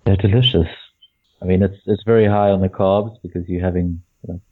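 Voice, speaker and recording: A man from Africa, co-hosting a podcast in relaxed, chatty talk that often repeats words as he gets going. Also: deep voice, brisk. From South Africa. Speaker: podcast co-host. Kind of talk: casual chat. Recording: tinny phone-like line.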